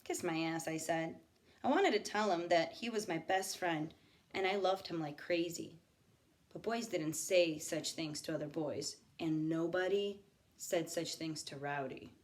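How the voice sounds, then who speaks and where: A woman teacher reading a novel aloud to her students, expressive, pausing for asides to the class. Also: lowish voice.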